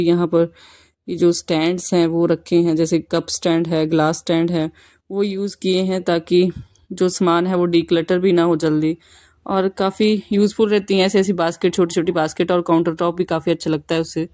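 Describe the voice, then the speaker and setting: A woman in her thirties, a vlogger, narrates a casual home tour as she walks through a rented apartment pointing out the rooms. Her voice is mellow and on the low side.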